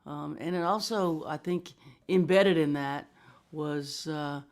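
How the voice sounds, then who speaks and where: A woman musician chatting casually on a livestream, halting with many fillers and often laughing. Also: deep voice, a little mellow. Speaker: touring musician.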